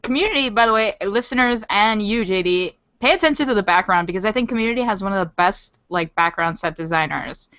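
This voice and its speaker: A woman co-hosting a podcast in casual chat, excitable, laughing often and swearing freely. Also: medium pitch, fast talker, few pauses, clear, resonant tone, no echo. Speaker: podcast co-host. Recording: dry, dull lo-fi podcast audio.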